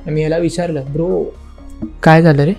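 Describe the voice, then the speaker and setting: A man's voice: fairly high pitch, little pitch movement, moderate pace, vocal fry, a little mellow, faint music behind. Young man telling a spooky story dramatically. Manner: dramatic retelling, acting out quotes and knocking sounds; mixes English words into his speech. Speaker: podcast guest.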